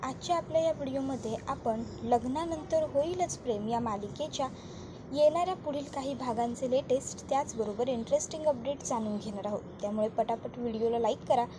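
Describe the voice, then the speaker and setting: Woman recap host, bright high voice, brisk scripted narration, close mic. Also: noisy background. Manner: brisk storytelling recap, friendly greeting to viewers.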